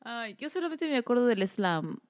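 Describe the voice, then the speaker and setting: A Peruvian woman in her thirties speaks in a high voice, chatting casually as a podcast co-host. She is lively and teasing and laughs easily as she recalls old times with friends. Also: normal speed, dry recording, studio quality. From Peru. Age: 30s. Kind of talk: casual chat.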